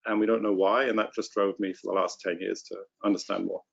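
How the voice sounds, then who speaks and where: A man with a British accent, a scientist guest, answering questions in a relaxed, anecdotal way. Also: lowish voice, fast, creaky, muffled recording. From England. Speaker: stem cell scientist guest. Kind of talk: conversational interview answer.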